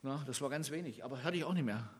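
A man from East Germany preaching a lively sermon, acting out Bible scenes and putting questions to his listeners. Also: mid-range voice, quick pace, slightly rough. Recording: long hall reverb.

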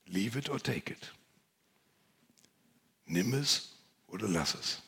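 A man preaching a sermon in a conversational, confiding way, dropping to near-whispers and rising to loud emphasis. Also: fairly low pitch, lively intonation, slow pace, slightly rough. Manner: conversational, confiding, swings between hushed and loud.

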